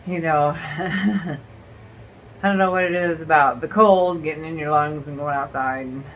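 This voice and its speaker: A woman's voice: low-pitched, a bit bright, a little hiss or hum, poor audio. A woman vlogging at home in a casual chat, short of breath from illness and rambling with fillers. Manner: rambling, halting with fillers and laughs.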